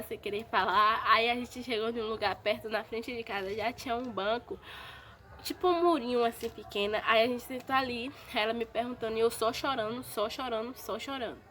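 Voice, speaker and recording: A woman's voice: on the high side, fairly bright tone. Chatty woman telling a personal story. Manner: chatty, repetitive, talks straight to viewers. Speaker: vlogger. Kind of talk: casual storytime vlog.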